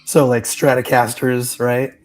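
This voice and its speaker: A man talks casually while recovering from losing his voice, so his voice sounds worn. His talk is chatty and full of "like", at an ordinary pitch for a man. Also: level tone, unhurried, faint music behind. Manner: chatty, says "like" a lot. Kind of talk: casual chat.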